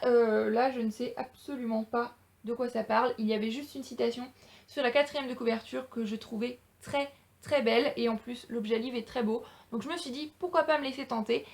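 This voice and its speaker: A woman's voice: a little high, fairly even intonation, fairly quick, gravelly, darkish tone. A young woman with a French accent, chatting enthusiastically on a casual book haul vlog, with frequent hesitations. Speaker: booktuber.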